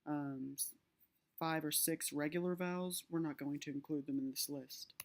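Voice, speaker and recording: Low-voiced woman teaching a language lesson. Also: steady tone, normal speed. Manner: explanatory, with fillers and self-corrections. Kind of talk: slide-based lesson narration.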